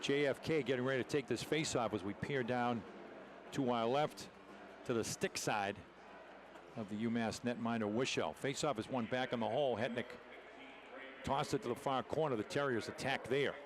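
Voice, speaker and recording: A male commentator calls live hockey play-by-play in short, clipped phrases, with a medium-pitched voice and a moderate pace. The broadcast comes from a noisy arena, with rink ambience behind him.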